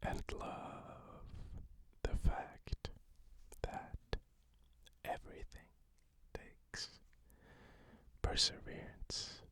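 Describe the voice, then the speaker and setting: Slow whispered ASMR pep talk. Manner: whispering slowly, repeating short phrases. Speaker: ASMR host.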